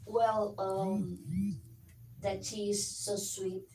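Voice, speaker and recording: A woman's voice: mid-range voice, flat delivery, vocal fry, darkish tone, a little hiss or hum. Hesitant Spanish-accented woman, roomy sound. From Spain. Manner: halting, searching for words in English. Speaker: voice student. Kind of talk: casual chat in a singing lesson. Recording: roomy, distant mic, faint music.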